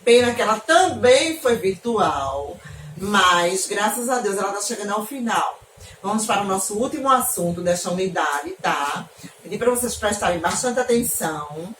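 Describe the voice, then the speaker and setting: Brazilian teacher in an echoey room. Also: female voice, medium pitch, expressive, normal speed, a bit bright, slight background noise. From Northeast Brazil. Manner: affectionate, frequent checking questions to pupils. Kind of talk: online class lesson for children. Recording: echoey room, mic at a distance.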